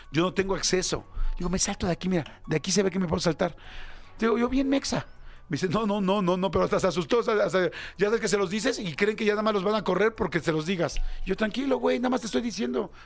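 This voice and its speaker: Animated Mexican man telling a story. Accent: Mexican Spanish. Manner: animated, slangy, acts out other voices with big pitch jumps. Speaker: podcast host. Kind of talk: casual storytelling.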